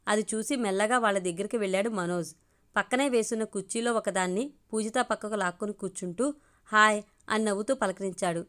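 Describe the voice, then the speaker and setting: A woman storyteller reading a romantic family story aloud, in steady narration. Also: mid-range voice. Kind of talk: scripted audio story narration.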